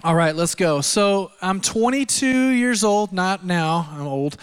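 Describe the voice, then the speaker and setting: A Texas pastor in his thirties delivers a sermon with personal testimony in a church auditorium, telling stories in a loose, conversational, self-deprecating style full of fillers. His voice is high for a man, smooth and resonant, animated and at a measured pace. Long hall reverb trails each phrase.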